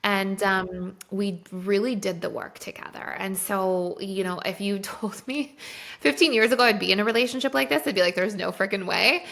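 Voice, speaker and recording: Female interview guest, conversational and candid, with a creaky edge to her voice. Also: medium pitch, fairly even intonation, normal speed, a bit bright. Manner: candid personal storytelling, heavy use of "like". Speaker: guest, personal development expert. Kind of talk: casual podcast conversation.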